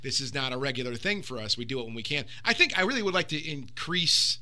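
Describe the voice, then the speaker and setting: A man's voice: mid-range voice, animated, fast talker, sharp tone. A man hosting a podcast in casual chat, rambling loosely and swearing now and then. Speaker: podcast host. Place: Michigan recording room.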